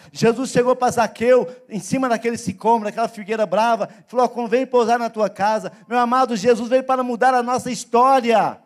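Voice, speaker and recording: A man from Brazil, preaching as pastor in a church service, talking in a conversational way that swells into emphatic calls. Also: high voice. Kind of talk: sermon.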